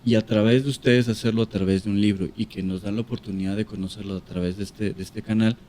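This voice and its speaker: A man's voice: fairly low pitch, steady tone, fast, warm tone, a little hiss or hum. A man hosting a podcast interview, affirming his guests with frequent agreement. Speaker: podcast host.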